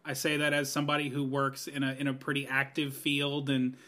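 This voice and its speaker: A man's voice: medium pitch, completely flat delivery, fairly quick, pushed and bright. A man in his thirties musing on growing older in a casual podcast chat, earnest and rambling, with many "you know"s. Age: 30s. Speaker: guest. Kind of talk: reflective podcast conversation.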